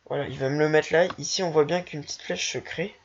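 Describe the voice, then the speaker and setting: A speaker casually walking through a software tutorial while thinking aloud, hesitant and self-mocking. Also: medium pitch, fast talker, a little hiss or hum. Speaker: tutorial maker. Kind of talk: casual screen-recorded software walkthrough. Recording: dull lo-fi home recording.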